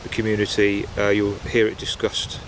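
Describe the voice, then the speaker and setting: A man's voice: fairly low pitch, completely flat delivery, moderate pace, rough recording. A man chatting casually and reflectively, with a hesitant, meandering delivery, outdoors in woodland. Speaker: pipe-smoking vlogger. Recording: outdoor wind noise, basic equipment. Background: wind and rustling leaves.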